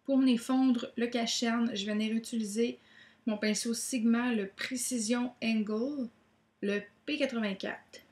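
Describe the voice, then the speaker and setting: A young woman talks through her makeup routine in a chatty way, often pausing on "donc, euh". Her voice sits a little high. The sound is roomy, with a clear echo off the walls. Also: fairly even intonation, a little mellow. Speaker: beauty vlogger. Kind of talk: makeup tutorial.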